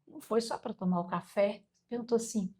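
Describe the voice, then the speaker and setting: A woman from Brazil hosting a podcast interview, telling a story in an animated, excited way with lively quoted dialogue. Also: mid-range voice, brisk, husky. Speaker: podcast host. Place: guest's home.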